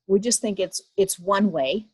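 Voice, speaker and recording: Here the same American association president conducts an interview conversation with a guest, staying attentive and affirming with frequent "mm-hmm"s. She speaks in the mid-range at a measured pace, her tone darkish and slightly rough. There's no echo on the recording.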